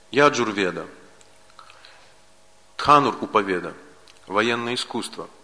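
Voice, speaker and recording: A man giving a lecture in a Russian accent, listing points in a measured way and repeating key words. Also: deep voice, bright, forceful tone. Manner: measured, enumerating points with repetitions. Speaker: lecturer on Vedic philosophy. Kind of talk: spoken lecture. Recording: archival lecture recording with long hall reverb.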